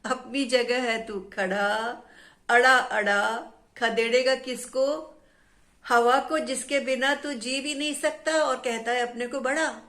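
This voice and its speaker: A woman voicing a calm, gentle female shadow in a children's story who speaks softly and evenly in rhyme. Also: on the high side, takes it slowly. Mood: teasing. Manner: soft, even, rhyming speech.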